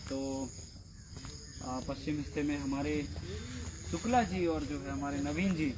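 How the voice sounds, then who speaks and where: A man's voice: fairly high pitch, a little slow. A man leading a farming training session outdoors, patiently talking trainees through the work and repeating his words as he goes. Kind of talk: outdoor field instruction. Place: farm field outdoors. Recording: faint outdoor insect noise.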